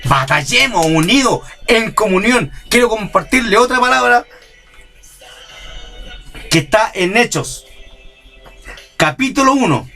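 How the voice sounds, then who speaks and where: A man preaching, his voice high and bright with a cutting edge. He pleads and scolds in turn, throwing rhetorical questions at the congregation. Soft music plays underneath. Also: expressive, measured pace, long pauses. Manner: impassioned, rhetorical "¿cierto?" questions, mimics church members. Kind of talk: sermon.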